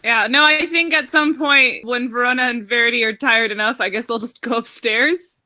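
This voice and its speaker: A woman's voice: a little high, normal speed, bright, forceful tone. A woman narrating a tabletop game as game master, with wry, dry asides.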